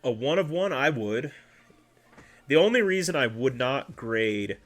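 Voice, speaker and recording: Chatting with his viewers, this card-collecting livestream host talks in an animated but unhurried way at a medium pitch. His slightly nasal, congested voice wanders as he rambles and keeps correcting himself.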